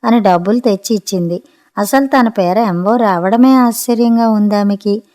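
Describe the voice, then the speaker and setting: A woman narrating an audiobook story with a steady, expressive reading. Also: medium pitch, moderate pace.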